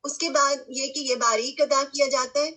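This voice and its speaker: A woman teaching letter pronunciation, explaining patiently, checking that the listener follows, and sounding out letters slowly to demonstrate. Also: sits high, steady tone, pushed and bright, low-quality recording. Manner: mixes in English words. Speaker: tajweed teacher. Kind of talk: explanatory lesson.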